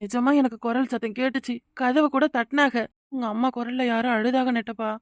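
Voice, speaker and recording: Cartoon: woman as a jittery Kanyakumari young wife, high, fast, dry studio. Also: little pitch movement, no echo, dull audio, natural voice. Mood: pleading. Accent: Kanyakumari Tamil. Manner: rapid, insistent, pleading. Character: frightened young village wife. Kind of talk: cartoon voice acting.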